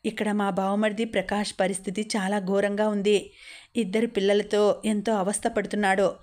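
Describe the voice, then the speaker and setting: A woman's voice: medium pitch, flat delivery, a little mellow, lightly acted. A woman reading the part of an affectionate, teasing man talking on the phone, in an audiobook. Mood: weary. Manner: teasing, quick and fond. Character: man, playful affectionate husband-to-be.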